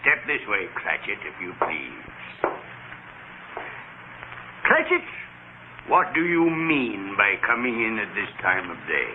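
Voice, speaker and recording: An actor playing an elderly reformed miser, giddy and joyful, in theatrical, exclamatory old-time radio drama style. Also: male voice, on the low side, huge pitch swings, moderate pace, a little hiss or hum. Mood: mock stern. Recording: tinny vintage radio broadcast, faint music.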